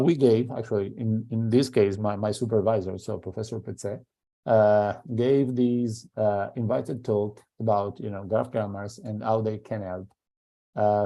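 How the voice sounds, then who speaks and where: This invited seminar speaker is a middle-aged man from Italy whose lowish voice carries a dark tone. Speaking with an Italian accent, he presents an academic seminar talk haltingly, with frequent fillers and false starts.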